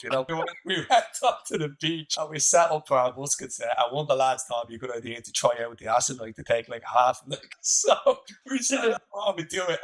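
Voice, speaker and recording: A man's voice: mid-range voice, fairly bright tone, low-quality recording. Laughing, rambling Irish man. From Ireland. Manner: rambling, laughs through stories, many fillers. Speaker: guest musician. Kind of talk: casual storytelling.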